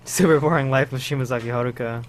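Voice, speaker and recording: A man's voice: medium pitch, quick pace, a little hiss or hum. A man co-hosting a casual podcast, rambling through stories and acting out quotes as he goes. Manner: rambling, animated retelling with acted-out quotes. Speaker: podcast co-host. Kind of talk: casual chat.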